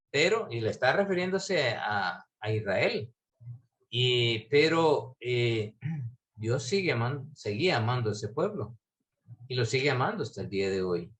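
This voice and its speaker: Guy teaching a bible class, stops and restarts a lot, mid pitch. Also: a bit bright. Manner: halting, many fillers and restarts.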